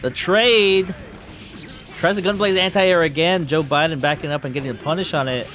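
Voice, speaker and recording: A man giving live play-by-play commentary on a fighting game tournament, calling moves quickly with bursts of excitement. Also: a little high. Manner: fast play-by-play, bursts of excitement at big moments.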